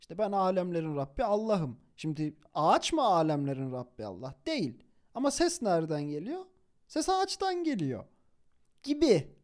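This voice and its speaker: Young male storyteller, high voice for a man, animated and casual, slangy, restarts phrases. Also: moderate pace. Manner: animated, chuckles while telling; informal slang, self-corrections.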